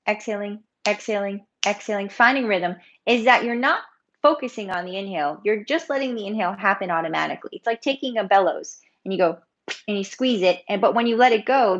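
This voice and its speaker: Chatty woman yoga teacher, lo-fi sound. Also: mid-range voice. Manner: chatty, informal, laughs often. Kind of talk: live online breathing workshop.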